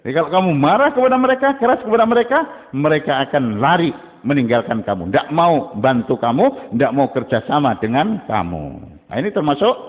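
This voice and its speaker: Animated preacher, tinny and echoey. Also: male voice. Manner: animated, rising to high emphatic bursts and dropping low. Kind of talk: dawn sermon. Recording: tinny phone-like sound with long hall reverb.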